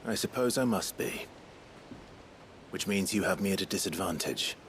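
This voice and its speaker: A man's voice: expressive, normal speed, slight background noise. An actor playing a stern, guarded young male swordsman in a video game, talking in a terse, dry way. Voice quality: deep gravelly voice. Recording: game audio with soft music behind.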